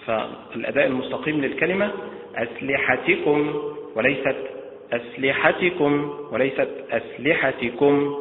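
A man delivers a Quran recitation lesson at a mid pitch, working methodically through word after word and repeating each one to set the right stress against the wrong ones. The audio is thin and phone-like, with a lingering room echo and a faint hiss underneath. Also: moderate pace. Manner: methodical, drills words by repeating contrasting pronunciations. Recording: tinny phone-like audio in a roomy echoing space.

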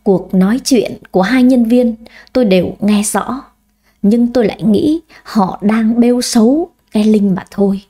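A woman reading a first-person story aloud in a measured, expressive way. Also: on the high side. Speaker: audiobook narrator.

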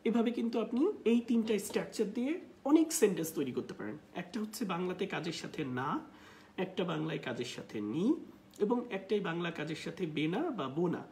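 Bangladeshi woman teaching English, slow examples. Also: lowish voice, lively intonation, warm tone. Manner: explains in Bengali, slowly reads out English example sentences, many filler "ah"s. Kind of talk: live online English class.

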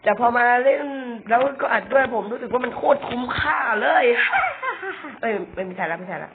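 A man's voice: very high voice, animated, fast talker. A young man giving casual, chatty commentary on a video game, joking about himself and often repeating words. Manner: chatty, self-mocking, stumbles and repeats words. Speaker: gamer. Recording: tinny phone-like audio with faint noise.

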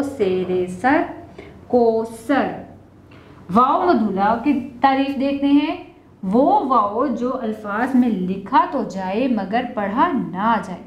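Female teacher, Pakistani Urdu accent, higher voice, patient drawn-out spelling, echoey lo-fi room. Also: slight background noise. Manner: slow, drawn-out word-by-word spelling. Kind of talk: children's reading lesson. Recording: echoey room, dull lo-fi audio.

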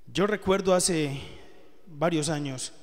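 Preaching live in a church hall where his words trail off into long reverb, a man with a high voice delivers a sermon. He takes it slowly, speaking earnestly in a testimony that builds to emotional peaks.

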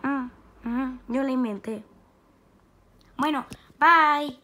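Slow, playful woman vlogging. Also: high voice, bright, forceful tone. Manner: slow, playful, muttering to herself. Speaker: channel host. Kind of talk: casual chat while drawing.

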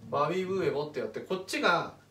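A channel host with a fairly high, bright, and forceful voice talks fast as he explains something casually, step by step. He points things out on a chart along the way. The recording has echo from the room and a distant mic.

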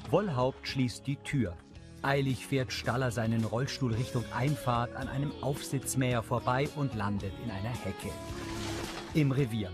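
Calm male audio description narrator. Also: medium pitch, unhurried. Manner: even, matter-of-fact reading. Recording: music bed under the voice.

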